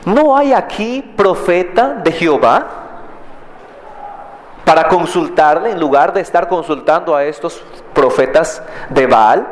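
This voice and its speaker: A man's voice: a little high, lively intonation, a little slow, long reverb tail, low-quality recording. A man voicing an earnest king who speaks with urgent command.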